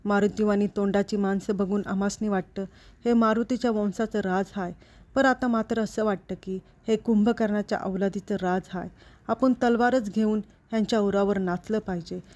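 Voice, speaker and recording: A woman's voice: mid-range voice, steady tone, moderate pace, darkish tone, close to an everyday voice. A woman reading the lines of a defiant village rebel leader, a grown man who speaks in a rousing, commanding rural dialect. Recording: dull lo-fi recording.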